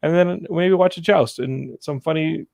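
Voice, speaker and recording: A man's voice: a little high, normal speed, creaky, a little mellow, no room sound, muffled recording. A young man co-hosting a podcast, telling stories in a casual, joking way and mimicking people in silly voices. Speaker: podcast co-host. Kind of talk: casual chat.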